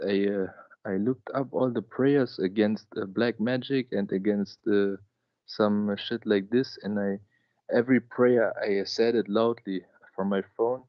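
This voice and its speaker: A man in his late twenties from Germany, calling into a live show and telling a personal story in a halting way. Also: on the low side, no room sound, muffled recording. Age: late 20s. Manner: halting, with many fillers and restarts. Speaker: caller.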